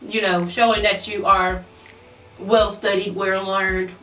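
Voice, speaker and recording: A woman co-hosting a mukbang chats casually while chewing, her mid-range, fairly bright voice slow and barely moving in pitch. The room is echoey, the mic is distant, and faint music plays in the background.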